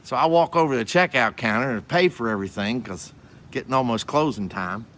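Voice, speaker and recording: A man's voice: medium pitch, fairly quick, a bit bright. A man telling a rambling story in a casual, folksy way, swearing now and then. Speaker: vlogger.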